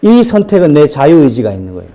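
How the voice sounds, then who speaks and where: A middle-aged male pastor preaching a sermon, telling his own testimony with animated storytelling. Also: fairly high pitch, fast talker. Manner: animated storytelling testimony, acting out quoted cries.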